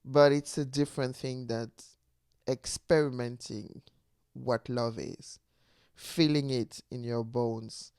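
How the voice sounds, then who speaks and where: Smooth-voiced man musing, laughing often. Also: mid-range voice, steady tone, slow, darkish tone, dry recording, studio quality. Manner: laughs often while talking; speaks with a non-native accent. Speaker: podcast host. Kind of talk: casual reflective monologue.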